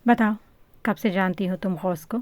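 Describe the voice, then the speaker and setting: A woman's voice: mid-range voice, fairly even intonation, a little mellow, no room sound, lightly acted. A woman voicing a stern, caring elder male cousin in a storybook reading, firm and lecturing.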